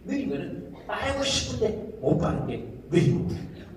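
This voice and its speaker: Male comedian, slightly high voice, playful talk-concert delivery, distant hall recording with background noise. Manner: animated, jokey, mimics regional speech in quick asides. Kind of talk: stand-up talk to a live audience. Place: large hall with a live audience. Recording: echoey hall audio with noise, from far off.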